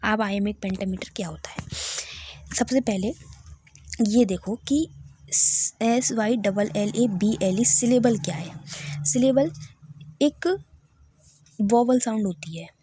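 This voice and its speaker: A woman's voice: mid-range voice, takes it slowly, pauses often, warm tone, slight background noise. Woman teaching a literature lesson. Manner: checks in with listeners often, repeats key terms.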